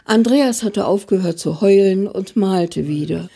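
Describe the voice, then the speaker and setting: A woman author giving a calm, measured reading of her own story. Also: medium pitch, slightly rough. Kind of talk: literary reading.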